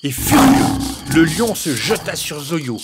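Animated male storyteller over music. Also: on the high side, slow. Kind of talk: scripted narration for children.

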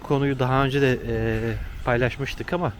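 This travel vlogger talks with a companion outdoors on city streets, explaining things in a casual, conversational manner. He keeps a medium pitch, a steady tone and a moderate pace, while the noisy street and traffic sound around him.

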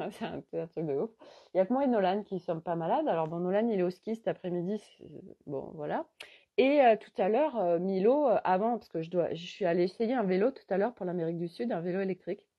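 Chatty middle-aged woman, dull lo-fi sound. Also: medium pitch. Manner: rambling, chatty, animated retelling. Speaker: holistic coach. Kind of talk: casual live storytelling.

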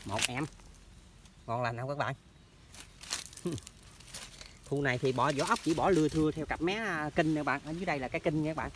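Người đàn ông giọng miền Tây nói chuyện thân mật ngoài trời. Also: male voice, fairly high pitch, fast, background noise. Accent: Mekong Delta Vietnamese. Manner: chatty, keeps addressing viewers as friends. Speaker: hunting vlogger. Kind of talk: casual outdoor vlog narration. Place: outdoors in rural orchard and canal banks.

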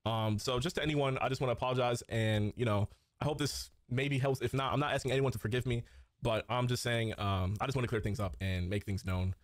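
A man's voice: medium pitch, steady tone, a little fast, dry recording, clean studio sound. A man in an apology video, talking hesitantly with lots of fillers. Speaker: streamer apologizing in a clip.

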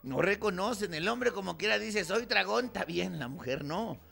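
Mexican stand-up guy, bright sharp gravelly voice, plays both sides of a couple's spat, music faint behind. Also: high voice, expressive, moderate pace. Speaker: stand-up comedian. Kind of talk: stand-up comedy routine.

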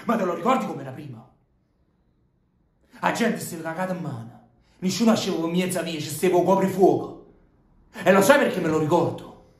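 A man's voice: fairly high pitch, fairly quick, long pauses, close to an everyday voice. An actor in his twenties with a Neapolitan accent playing a bitter, angry young man in a dramatic scene. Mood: furious. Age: 20s. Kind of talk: dramatic screen-acting monologue. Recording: roomy echo, faint background noise.

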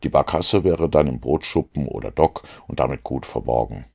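A shrewd, methodical storybook detective acted out by a man reader speaks in an extremely low voice. It crackles with gravel as he lays out his reasoning deliberately, fully sure of himself. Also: dark tone, full character voice. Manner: deliberate, explanatory. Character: Sherlock Holmes, shrewd, methodical, self-assured male detective.

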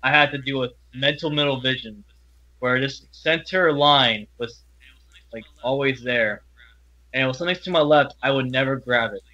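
Earnest young man with a bright voice. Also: medium pitch. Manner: earnest, halting, with many restarts. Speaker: interview guest. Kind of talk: personal interview talk. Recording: dull, lo-fi audio.

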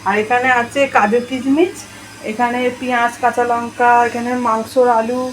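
High-voiced chatty woman vlogger. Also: little pitch movement, normal speed, a little hiss or hum, poor audio. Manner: chatty, addresses viewers as friends. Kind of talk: casual home vlog chat.

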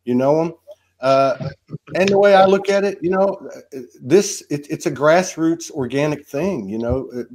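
Recorded indoors at home on low-quality audio with some hiss or hum, a fifty-something host with a higher-pitched, darkish voice talks at a moderate pace. His easygoing spiritual video call chat rambles, packed with "you know, man."

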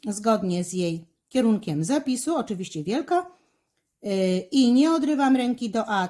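Lady teacher narrating handwriting strokes step by step, kinda high voice, slow and careful. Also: a little mellow. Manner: slow, careful, instructive, with fillers. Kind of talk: handwriting lesson with step-by-step commentary.

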